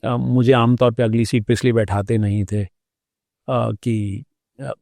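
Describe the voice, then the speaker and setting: A man with a warm, mellow voice tells his own story as an interview guest. He pauses often and sounds reflective. The recording is dry and close, with no room sound. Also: mid-range voice, flat delivery, gravelly, dry recording. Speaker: doctor.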